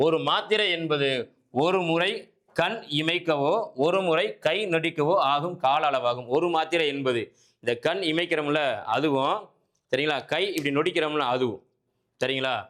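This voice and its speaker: In this exam-prep grammar lesson, the male teacher's voice is fairly high and fairly bright, moving at a moderate pace. He answers the questions he raises, restates the main points, and frequently checks that everyone follows.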